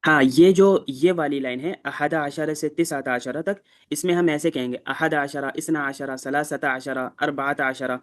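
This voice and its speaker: A man teaching a class in a fairly high voice. He explains each step slowly and with patience, as in an ordinary classroom lesson. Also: steady tone. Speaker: Arabic teacher.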